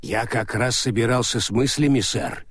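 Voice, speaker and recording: A man voicing a fussy, nervous old male postman with a wheezy, hoarse whisper and a very formal way of talking. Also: mid-range voice, moderate pace, fairly bright tone, dry recording, clean studio sound. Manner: formal, ends sentences with "sir". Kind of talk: audiobook character voicing.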